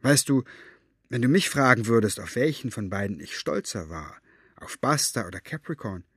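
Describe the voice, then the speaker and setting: A man voicing an excitable elderly author who is vain about his characters and rambles about them. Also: medium pitch, normal speed, husky, no echo, studio quality. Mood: animated. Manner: animated, self-satisfied rambling. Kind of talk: audiobook character voice.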